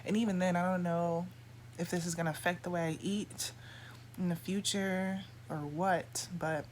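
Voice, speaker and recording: Casual female vlogger, lower-than-average pitch, loose confiding chat, faint background noise. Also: steady tone, moderate pace.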